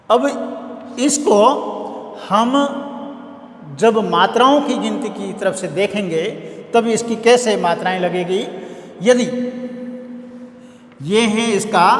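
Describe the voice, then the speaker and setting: A male college teacher giving a classroom lecture, repeating key words and asking the class questions as he explains. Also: high-pitched. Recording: echoey room with long reverb.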